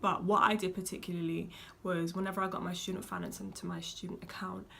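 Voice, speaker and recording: A young woman talks her viewers through money tips in a casual, emphatic way, repeating her points and dropping slang. Her voice sits low with a gravelly fry. A faint room background runs underneath. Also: flat delivery, quick pace, pushed and bright, a little hiss or hum. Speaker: vlogger. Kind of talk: casual advice talk to camera.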